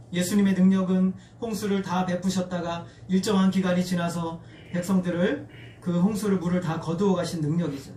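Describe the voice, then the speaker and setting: A man's voice: sits high, a little mellow, reverberant, far from the mic, a little hiss or hum. A man preaching a sermon as pastor, earnestly leading his congregation through scripture readings. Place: church sanctuary.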